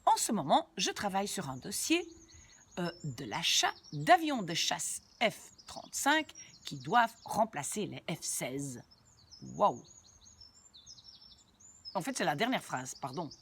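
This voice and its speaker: Woman, language teacher, lower voice, lively pitch, patient word-by-word explaining. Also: slow, pauses often, slightly rough. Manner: patient, repeats and translates word by word; chatty asides to viewers. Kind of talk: language lesson explaining a sentence.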